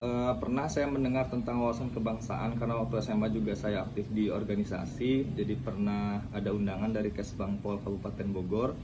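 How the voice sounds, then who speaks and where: A man in his thirties, a high school teacher, giving measured, explanatory interview answers. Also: little pitch movement. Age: 30s. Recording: noisy background.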